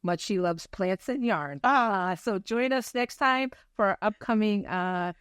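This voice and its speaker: A woman's voice: medium pitch, lively intonation, measured pace, fairly bright tone, clean tone, dry recording, studio quality. A woman hosting an interview show, affirming and encouraging her guest. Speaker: podcast host. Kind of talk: interview chat.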